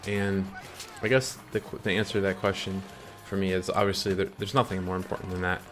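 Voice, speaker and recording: Faint music plays behind a young man whose low, slightly bright voice barely shifts in pitch as he talks briskly to camera. Chewing candy, he rambles earnestly about following his dreams in a casual vlog, full of ums and restarts.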